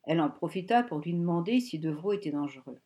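A woman narrating an audiobook novel in a measured, even manner. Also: on the low side. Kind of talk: audiobook reading.

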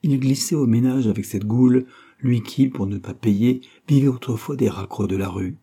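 A man reading a classic novel aloud as an audiobook, in a measured, expressive way. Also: mid-range voice, husky. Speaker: audiobook narrator. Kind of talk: literary audiobook narration.

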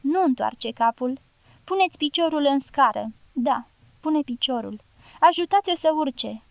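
Storybook role: a wounded, commanding soldier, voiced by a woman reader, high-pitched and dry. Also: lively intonation, gravelly, no echo, highs cut off. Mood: urgent. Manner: measured, firm commands. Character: American male dynamiter, wounded, calm and commanding.

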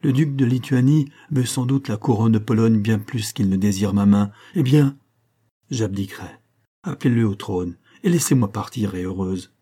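A young queen, anguished and fervent, pleading and praying in turns in this storybook reading, put on by a male narrator. The voice stays low and warm with a husky edge. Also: normal speed, lightly acted.

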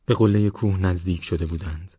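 A man calmly narrating a novel as an audiobook reader in a measured way. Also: deep voice, husky, dry recording, dull audio. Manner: calm, measured reading. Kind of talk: scripted narration.

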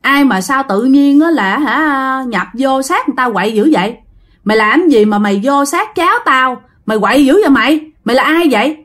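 A woman's voice: sits high, lively intonation, fairly quick, fairly bright tone. A woman voicing a worried aunt in her fifties who scolds the spirit. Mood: scolding. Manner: pleading, scolding.

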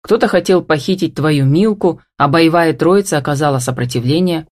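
Woman playing a bossy excitable young woman. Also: low-pitched, normal speed, no room sound, studio quality. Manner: commanding, exclaiming.

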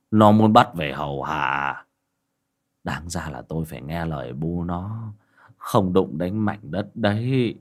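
A man voicing a terrified grandfather who speaks low and falters. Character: shaken grandfather, pale and terrified.

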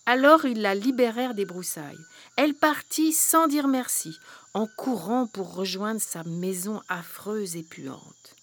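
A woman reading a children's fairy tale aloud in a lively, expressive way. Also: medium pitch, unhurried. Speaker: storyteller. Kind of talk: storybook reading.

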